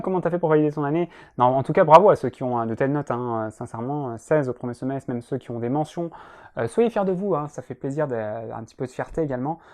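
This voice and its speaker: A young man in casual commentary, reacting to student jokes as a law teacher, chatty and self-mocking, with many fillers. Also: a little high. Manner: chatty, self-mocking, frequent "euh" and "hein".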